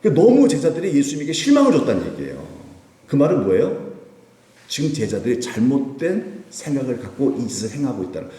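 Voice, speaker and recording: A man preaching an animated Friday prayer sermon as pastor, acting out voices in the story as he teaches. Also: mid-range voice, fast. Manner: animated, acts out the disciples' scolding in raised voice. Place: church sanctuary. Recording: echoey church hall.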